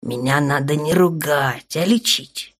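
A woman voicing a smug, teasing dark male lord in an audiobook, speaking low and soft, often near a whisper. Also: measured pace.

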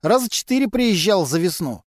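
A male narrator plays a brash, mocking mechanic full of criminal slang in an audiobook, raising his voice above its natural pitch. The high voice swings widely in pitch at a moderate pace, in a dry, studio-quality recording.

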